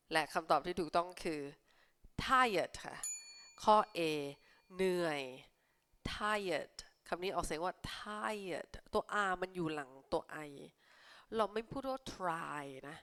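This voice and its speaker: A young woman tutoring children for an English exam, reading English lines slowly and explaining them in a friendly, teacherly way. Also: lowish voice, a bit bright, clear, resonant tone. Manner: friendly teacherly tone, ends with polite particles. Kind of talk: exam answer walkthrough for young pupils.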